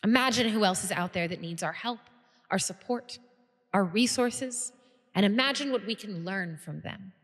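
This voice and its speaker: A woman's voice: medium pitch, normal speed, fairly bright tone, pitched above the performer's own voice. A woman voicing a grand female guild leader who gives a ceremonious, commanding speech in a tabletop game. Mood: stately. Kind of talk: tabletop game role-play. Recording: long reverb, faint music behind.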